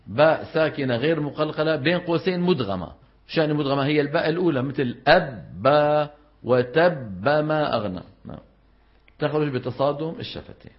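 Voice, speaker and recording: A man teaches Quran recitation in a slightly high voice. He keeps asking his students questions and draws out the example words slowly. The recording is muffled and lo-fi. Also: expressive. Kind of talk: classroom lesson on tajweed.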